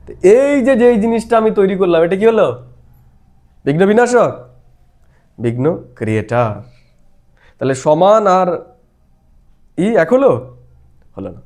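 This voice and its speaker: A man's voice: high-pitched, a little mellow. A man explaining a devotional lesson as a spiritual teacher, talking patiently and often checking whether his listeners follow. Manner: explains patiently, asks listeners rhetorical questions.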